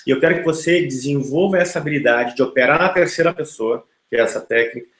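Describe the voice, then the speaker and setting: A man giving an informal coaching lesson, talking straight to the listener and ending many phrases with quick checking tags. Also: on the high side, a bit bright. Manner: direct, addresses listener, frequent "tá?" and "né?" tags. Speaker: NLP coach. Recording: echoey room.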